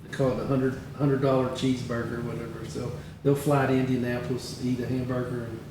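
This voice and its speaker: A man's voice: medium pitch, fast talker. Rambling older man in echoey room. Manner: rambling anecdotal storyteller, animated. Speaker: guest, retired county attorney. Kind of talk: casual interview chat. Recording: echoey room, distant mic, faint noise.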